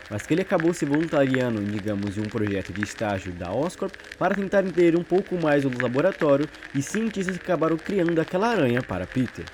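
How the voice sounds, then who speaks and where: With a Brazilian accent and a mid-range voice, a male channel host narrates an informal video, retelling horror stories and commenting on them conversationally. Background music plays, and the background is noisy.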